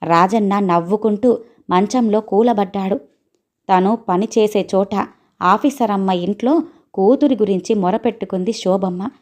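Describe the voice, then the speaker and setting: A woman reading a family story aloud as a storyteller, with a steady, even delivery. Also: medium pitch, unhurried.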